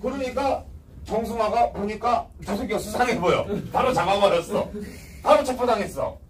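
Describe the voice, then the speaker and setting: A man's voice: sits high, moderate pace, distant mic, a crowd in the background, poor audio. A man teaching a casual history lecture, blunt and slangy, stopping often to quiz his students.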